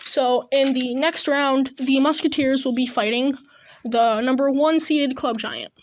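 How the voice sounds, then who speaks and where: A woman's voice: sits high, steady tone, measured pace, highs cut off. A woman giving casual, rambling gameplay commentary at home, chewing gum, recorded through an earbud mic with many stops and restarts. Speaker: gaming video host. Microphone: earbud headset mic.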